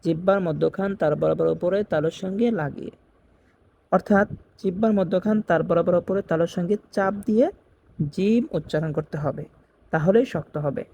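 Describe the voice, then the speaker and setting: A man teaching Quran reading, slowly repeating each Arabic letter sound and explaining where in the mouth it is made. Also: high voice, vocal fry, darkish tone, muffled recording, a little hiss or hum. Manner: chants the Arabic opening phrases in a drawn-out sing-song.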